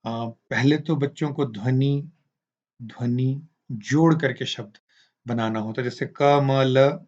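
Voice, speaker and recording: Slow husky male lecturer. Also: medium pitch, a little mellow, highs cut off. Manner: slow, deliberate explanation with hesitant fillers. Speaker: teacher educator. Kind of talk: recorded teaching lecture.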